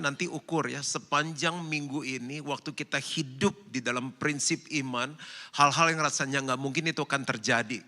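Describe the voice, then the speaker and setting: Guy pastor preaching loose and chatty, bright punchy voice, big reverby church hall with faint music. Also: mid-range voice. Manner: casual, joking preaching with rhetorical questions to the congregation. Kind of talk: sermon.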